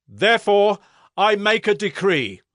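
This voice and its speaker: Grandiose King Nebuchadnezzar, swooping slow delivery. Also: high voice, sing-song, fairly bright tone, no room sound, clean studio sound, exaggerated voice. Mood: imperious decree. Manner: declamatory, solemn, measured royal delivery. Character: proud, grandiose ancient Babylonian king, awed by wonders. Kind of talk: dramatized audio scripture acting.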